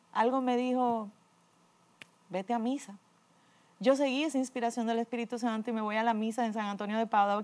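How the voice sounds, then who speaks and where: A middle-aged woman, earnestly telling her personal faith testimony, often dropping to a quiet voice. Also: a little high. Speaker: guest giving a testimony.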